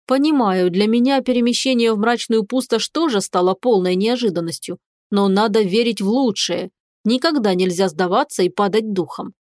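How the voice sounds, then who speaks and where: A woman's voice: mid-range voice, normal speed, darkish tone, no echo, clean studio sound, lightly acted. Woman voicing a cold, stern male dragon. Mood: earnest. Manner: cold, tired and irritated. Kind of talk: audiobook character reading.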